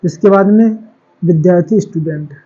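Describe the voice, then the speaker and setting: On a dull, lo-fi classroom recording, a male grammar teacher lectures on English, repeatedly questioning and answering himself and restating key words. His high voice is mellow with a breathy edge, at a moderate pace.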